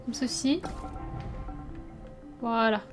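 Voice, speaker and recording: A young woman streaming a game, chatting casually with her viewers, laughing often and sometimes breaking into loud startled outbursts. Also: fairly high pitch, drawn-out words, soft background music. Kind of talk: casual let's play commentary.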